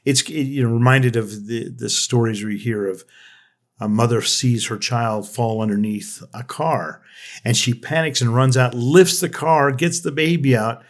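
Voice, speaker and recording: A man's voice: medium pitch, steady tone, unhurried. Guy hosting a podcast, kinda rambly and reflective, keeps restarting his sentences. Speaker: podcast host. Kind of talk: casual conversation.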